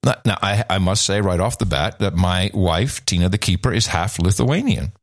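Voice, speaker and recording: A man's voice: deep voice, normal speed, vocal fry, dry recording, studio quality. A man hosting a podcast in casual chat, jokey and laughing often, with rambling questions. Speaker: podcast host.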